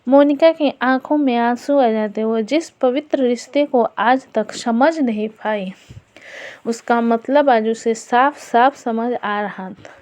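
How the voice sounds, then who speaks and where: Mellow-voiced woman narrating a story. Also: on the high side, measured pace.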